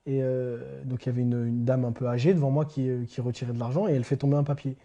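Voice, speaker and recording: A man's voice: mid-range voice, little pitch movement, quick pace, dark tone, dull audio. A man telling an anecdote in an interview, chatty and amused.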